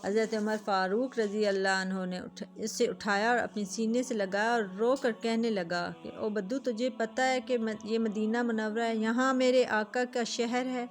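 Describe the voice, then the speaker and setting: A woman's voice: on the high side, steady tone, few pauses. A woman narrating a moral religious story in an earnest tone, speaking directly to her viewers. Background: faint music.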